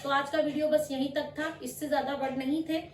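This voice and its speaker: Female teacher, high voice, patient, repeats words slowly; roomy, off-mic sound. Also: little pitch movement, far from the mic, a little hiss or hum. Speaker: English pronunciation teacher. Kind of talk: spoken lesson. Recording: echoey room, voice off-mic.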